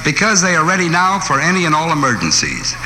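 A confident spokesman in a 1960s radio recruiting advert, fairly high and lively in pitch. The vintage spot is very echoey. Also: fast, full character voice.

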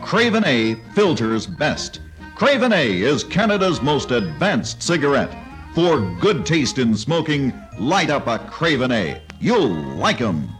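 A DJ putting on a booming ad announcer. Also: male voice, very animated, unhurried, over music. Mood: pompous. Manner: put-on announcer voice. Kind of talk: mock-formal commercial read.

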